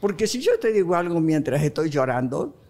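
Female relationship expert, podcast guest; animated, conversational delivery. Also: sits low, fairly quick. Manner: animated, acts out quoted dialogue.

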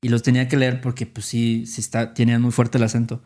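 A man's voice: medium pitch, monotone, fast talker, a little mellow. A man with a Mexican accent co-hosting a podcast, telling things in a laid-back, slangy way. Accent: Mexican Spanish. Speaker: podcast co-host. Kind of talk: casual chat.

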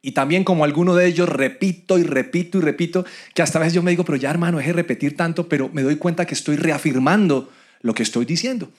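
A man's voice: on the high side, quick pace. A man speaking earnestly to viewers as a church speaker on marriage, telling stories and building his points through repetition.

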